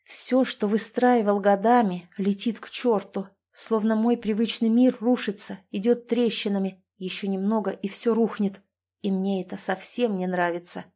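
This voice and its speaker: A woman narrating a first-person audiobook in a steady, even reading voice. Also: medium pitch, moderate pace.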